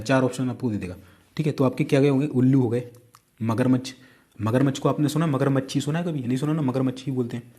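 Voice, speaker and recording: A man with an Indian accent teaches an exam-prep grammar lesson in a mellow, warm-toned voice of middle pitch. He keeps repeating key points and tossing quick questions at the listener, with casual asides as he works at the board.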